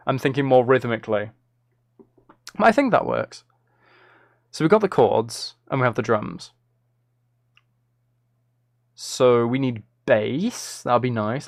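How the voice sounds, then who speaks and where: A British man rambles casually, thinking aloud as he makes music on a livestream. His medium-pitched voice has vocal fry, captured dry and clean through a close streaming mic.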